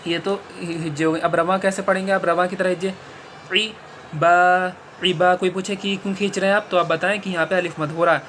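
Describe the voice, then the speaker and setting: A male Quran teacher with a high voice that barely rises or falls. He draws syllables out slowly, then rattles through the rules, with a faint hiss behind him. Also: flat delivery, fairly bright tone. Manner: spells syllables slowly, then explains in quick bursts. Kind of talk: teaching Arabic letter sounds.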